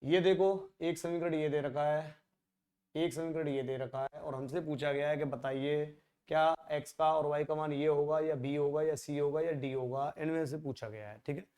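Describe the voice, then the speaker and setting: A man teaching exam-prep maths in a conversational way, asking rhetorical questions and dropping to a low mutter while he works through sums. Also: fairly even intonation, moderate pace, warm tone.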